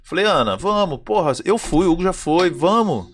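Lively high-voiced Brazilian man telling stories. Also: normal speed. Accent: Brazilian Portuguese. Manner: animated storyteller, slangy, acts out dialogue. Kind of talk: casual chat.

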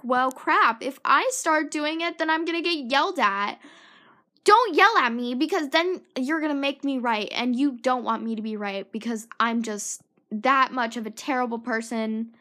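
A teenage girl hosts her own podcast in a high, sharp voice, rambling and poking fun at herself. Her throat is sore, and she drops into whispered asides.

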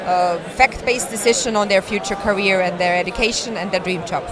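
An Austrian-born startup founder is interviewed as a guest in a busy conference hall, surrounded by crowd noise. She speaks briskly at medium pitch, earnest and explanatory, with non-native phrasing.

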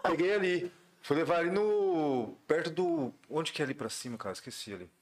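Fast-talking man, do Sul. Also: fairly high pitch. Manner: animated storyteller, slangy. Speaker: ride-hailing driver. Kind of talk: casual chat.

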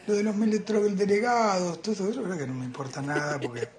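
A man speaking in a measured, resigned way in a played-back clip. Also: high-pitched, a crowd in the background.

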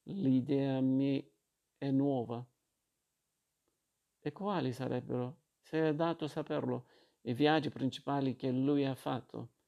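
A man's voice: mid-range voice, fairly even intonation, slow, gravelly, long pauses, muffled recording. A man reading as a bored, mocking grown man. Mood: ironic. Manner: drawling, ironic.

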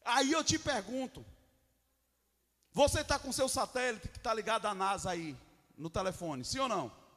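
A Brazilian man preaching a sermon as pastor, emphatic, swinging from loud calls to hushed lines. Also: high-pitched, animated, normal speed, pauses often. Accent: Brazilian Portuguese. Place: church hall. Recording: long hall reverb.

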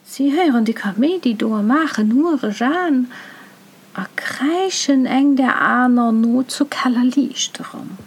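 A woman reciting a rhyming dialect tale in a measured, rhythmic way. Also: high voice, breathy edge. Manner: measured, rhythmic verse delivery. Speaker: storyteller.

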